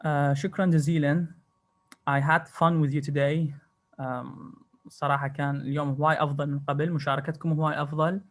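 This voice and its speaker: A man with an Iraqi Arabic accent, teaching an online English lecture and switching between Arabic and English, with slow, careful English. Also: fairly high pitch, little pitch movement. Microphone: video call.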